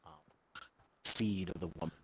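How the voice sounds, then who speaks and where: Deep-voiced man with uneven, cutting-out volume. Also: steady tone, normal speed, a little hiss or hum. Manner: thoughtful, repeats words while finding phrasing. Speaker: explaining scripture to friends. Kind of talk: casual Bible talk during an online game.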